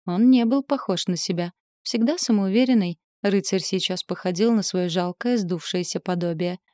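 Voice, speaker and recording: A woman reading a first-person fantasy story aloud with a steady, even delivery. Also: fairly low pitch, normal speed, dry recording, studio quality. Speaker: audiobook narrator.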